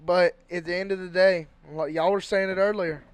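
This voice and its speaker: A man co-hosting a casual sports podcast, excitable and rambling as he makes his picks. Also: high-pitched, clean tone, dry recording. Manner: excitable, rambling, fast bursts. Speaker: podcast co-host.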